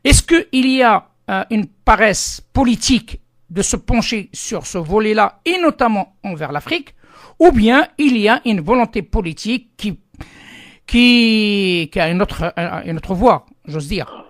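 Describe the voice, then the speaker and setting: A man's voice: high-pitched, expressive, measured pace, fairly bright tone, no room sound. Male radio host posing long, winding questions in a dead-dry studio. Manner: rambling, repeats himself while framing questions. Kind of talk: radio interview.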